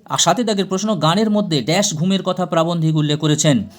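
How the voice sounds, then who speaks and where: Guy teacher going thru exam quiz answers, kinda high voice, lists options then gives answer. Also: fast. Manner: reads options in a list, then states each answer. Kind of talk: exam prep lesson reading quiz questions.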